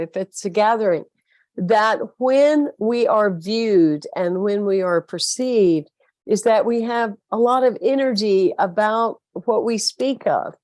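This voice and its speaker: Slow, earnest Southern woman. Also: mid-range voice, darkish tone, no room sound. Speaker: spiritual speaker. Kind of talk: inspirational talk.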